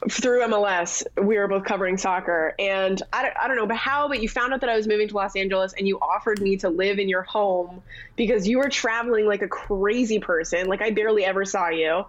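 A woman's voice: medium pitch, highs cut off. Canadian woman telling stories. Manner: storytelling, animated, quick laughs. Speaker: guest, sports TV reporter. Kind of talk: casual chat.

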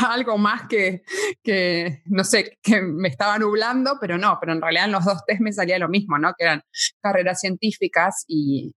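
A woman's voice: mid-range voice, a bit bright. A woman in her thirties with a Buenos Aires accent, a guest chatting casually in an interview and laughing often. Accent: Rioplatense Spanish, Buenos Aires. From Argentina. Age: 30s. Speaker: guest, space science communicator.

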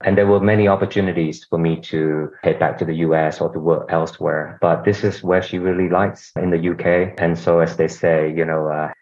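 A deep, darkish voice with little pitch movement comes out brisk and with hardly any pauses. The speaker, a middle-aged Singaporean healthcare executive, chats through his organisation as a podcast guest, sprinkling in "you know", and the recording is dull and lo-fi.

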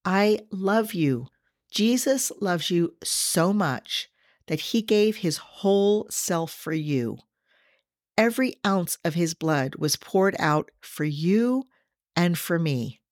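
Podcast host, woman with a deep voice, earnest teaching tone, dry close recording. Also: animated, no room sound. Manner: earnest, slows down to stress scripture; addresses listeners directly.

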